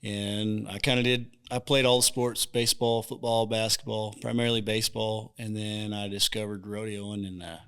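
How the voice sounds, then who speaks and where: A man in his thirties with a Texan accent, a rancher and songwriter chatting as a podcast guest, relaxed and joking dryly. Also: fairly low pitch, normal speed, hardly any pauses, clear, resonant tone. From Texas. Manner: dry joking, relaxed drawl. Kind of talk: casual interview chat. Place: saddle shop.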